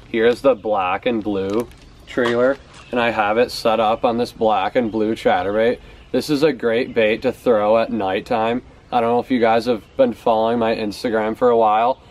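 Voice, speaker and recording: A young man with a lowish, somewhat dark voice chats casually to the camera while sitting on the back porch steps of a house outdoors. He's a fishing vlogger showing off his favorite baits, and he often repeats words for emphasis.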